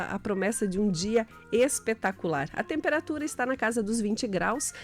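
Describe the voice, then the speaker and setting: Woman radio host, friendly studio chat, easy mid voice. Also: mid-range voice. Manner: chatty, friendly, often adds tag questions. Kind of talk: live radio talk show. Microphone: studio microphone.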